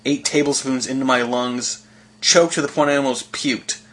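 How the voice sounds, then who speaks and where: Bright-voiced joking male podcast host. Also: mid-range voice, steady tone, moderate pace. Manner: enthusiastic, joking and teasing. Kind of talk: casual chat.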